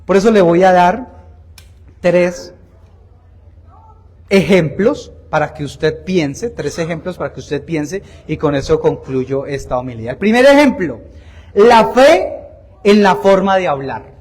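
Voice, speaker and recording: A man's voice: high-pitched, expressive, a little slow, long pauses, darkish tone. A man preaching a Sunday homily in a church, emphatic and repetitive, asking the congregation direct questions and joking about himself. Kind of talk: Sunday sermon.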